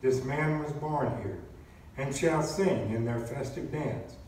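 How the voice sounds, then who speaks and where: Lector, male, mid-pitched, measured formal reading; cathedral echo, heard from across the church. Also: a little mellow. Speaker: lector and cantor. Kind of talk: liturgical reading and chanted psalm. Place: large church. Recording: echoey church, distant mic, faint noise.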